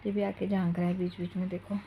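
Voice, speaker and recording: Young mom vlogger, casual home storytelling, slightly gravelly, faint room noise. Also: female voice, on the low side, little pitch movement, fast talker, highs cut off. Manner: chatty, rambling, breaks off to coax her toddler.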